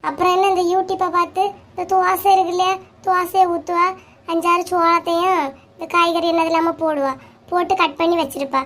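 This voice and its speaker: A woman voicing sharp-tongued village women in a cartoon comedy, with a Kanyakumari Tamil accent and a nagging, scolding way of talking. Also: very high-pitched, level tone, brisk. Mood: bickering.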